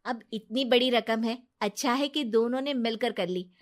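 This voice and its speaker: A woman voicing a trusting, kind-hearted young wife who speaks earnestly and gently. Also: a little high, moderate pace, close to an everyday voice.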